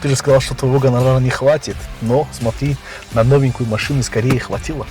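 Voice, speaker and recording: A man's voice: medium pitch, steady tone, fast talker. A man in casual promotional chat, teasing and prompting the person he talks to. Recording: loud music behind the voice.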